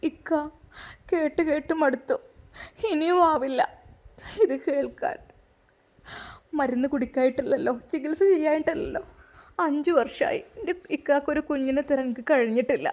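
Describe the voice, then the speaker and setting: A heartbroken young wife speaks in a Malappuram accent, high and plaintive, as a woman reads her. She sounds meek and close to tears. The voice belongs to a homemade family story drama. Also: fairly even intonation, quick pace, a little mellow. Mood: tearful. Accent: Malappuram Malayalam. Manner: plaintive and tearful. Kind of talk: amateur story drama reading.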